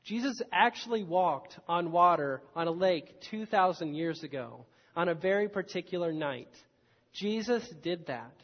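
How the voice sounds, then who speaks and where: A man's voice: sits high, lively intonation, a little slow. A man preaching a sermon in a church, telling the story dramatically with rising and falling emphasis. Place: church hall. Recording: muffled sound with long hall reverb.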